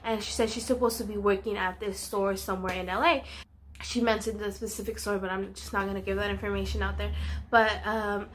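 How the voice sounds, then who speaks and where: A woman's voice: medium pitch, level tone, a little fast, slight background noise. A woman casually telling a personal story in a vlog, earnest and full of "um" and "you know".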